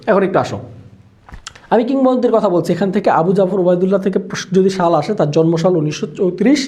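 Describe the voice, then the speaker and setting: A man's voice: high voice, mellow. A man from Bangladesh, teaching a live online exam-prep lesson and repeating questions to drill answers. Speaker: Bangla teacher for admission exams.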